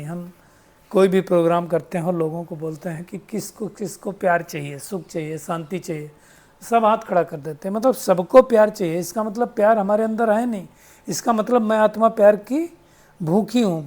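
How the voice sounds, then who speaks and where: A man's voice: sits high, moderate pace, a little mellow. A man giving a devotional spiritual talk, explaining patiently, quoting sayings and asking rhetorical questions. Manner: asks rhetorical questions, tag "है ना?". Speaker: spiritual teacher. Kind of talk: devotional discourse.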